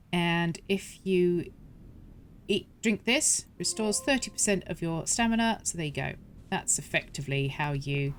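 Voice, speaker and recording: A woman with a lowish voice hosts a game walkthrough, explaining each step as she plays. She talks in a chatty way and often corrects herself mid-sentence. A faint background noise sits under her voice. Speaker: gaming channel host.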